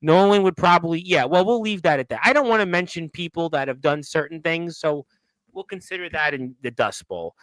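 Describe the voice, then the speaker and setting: This wrestling radio host has an expressive, high, bright and forceful voice and a brisk pace. Reading viewer comments aloud as they come in, he reacts to them casually. The recording is dry and close, but the audio is poor.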